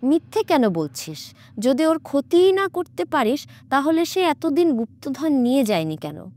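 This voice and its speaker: A woman voicing a calm, commanding male exorcist in a horror audiobook, stern and mocking as he questions a spirit. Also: high-pitched, unhurried. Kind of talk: audiobook character voice.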